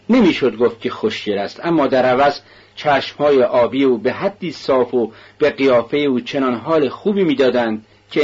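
A man narrating a novel aloud in a slow, measured reading voice. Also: mid-range voice, breathy edge, highs cut off. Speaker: audiobook narrator. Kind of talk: scripted narration.

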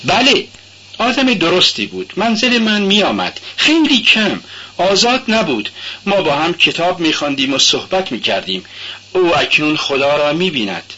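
A man voicing a timid, devout, poor young woman who answers softly and hesitantly, as a character in an audiobook. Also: fairly high pitch, sing-song, slightly rough, pitched above the performer's own voice, full character voice. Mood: quiet, sad. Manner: soft, hesitant, halting replies. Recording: dull lo-fi recording.

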